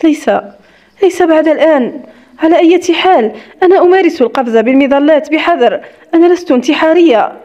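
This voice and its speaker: A woman's voice: sits high, quick pace, dark tone, lo-fi sound, close to an everyday voice. A woman voicing a young widowed woman who speaks in a tired, sarcastic way, in an audiobook story. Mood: weary. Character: young widowed woman, bitter, weary and hurt.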